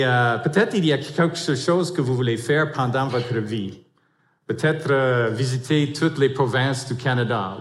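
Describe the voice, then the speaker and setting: Man, English accent, halting sermon, church echo, mid pitch. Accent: English-speaking, in French. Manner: halting, many fillers and restarts. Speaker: pastoral council member.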